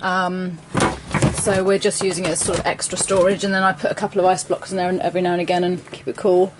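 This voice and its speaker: A boat owner gives a relaxed, chatty tour of her sailboat, talking quickly in a fairly low voice and filling gaps with ums and mentions of "bits and bobs". It's a casual explanation filmed on a handheld camera, with clear background noise.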